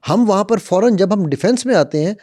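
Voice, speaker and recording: Animated man on a podcast. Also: high-pitched, no echo, clean studio sound. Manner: animated, lively storytelling and acting out quotes. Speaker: guest speaker on conflict management. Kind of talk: podcast conversation, storytelling with acted quotes.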